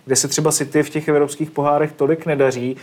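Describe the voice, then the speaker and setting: A man's voice: on the high side, flat delivery, a little mellow. A man hosting a casual football discussion, talking in a colloquial way and putting questions to his guests.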